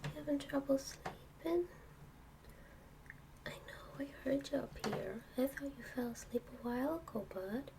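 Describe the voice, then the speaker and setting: A woman playing a gentle, doting mother in an ASMR role-play, giving soft, breathy, intimate pillow talk to a child at bedtime. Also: high voice, animated, normal speed, background noise, pitched above the performer's own voice. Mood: tender, soothing. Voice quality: soft, breathy, often dropping into a soft voice.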